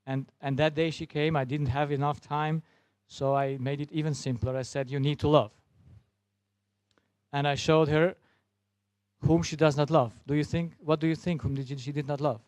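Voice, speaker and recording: A man's voice: a little high, fairly even intonation, normal speed, darkish tone, no room sound. Earnest man speaking at a sermon. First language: German. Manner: non-native English, some broken grammar. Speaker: doctor and speaker. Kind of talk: sermon-style talk with a story.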